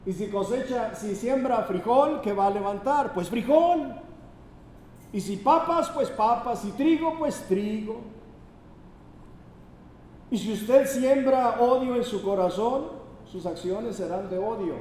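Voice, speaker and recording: A man's voice: sits high, slow pace, darkish tone, slight background noise, pitched above the performer's own voice. A man playing a fervent preacher. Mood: didactic. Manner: fervent, patient questioning. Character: earnest male preacher reasoning calmly. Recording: echoey hall reverb.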